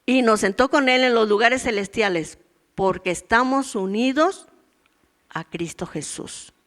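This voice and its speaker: A woman's voice: a little high, unhurried, a bit bright. Woman in her sixties preaching. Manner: conversational preaching, acts out voices from daily life and her past. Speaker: women's ministry teacher. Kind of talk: sermon.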